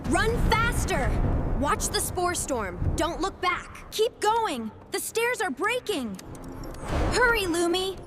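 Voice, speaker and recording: An eager little boy hero from a children's cartoon, calling out in a very high voice that swoops up and down. He speaks slowly and deliberately, punching each exclamation. Loud music plays underneath. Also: very animated, exaggerated voice. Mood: urgent. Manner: urgent, exclaiming, bright. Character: brave young boy adventurer, eager. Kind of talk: animated kids' cartoon dialogue. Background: loud background music.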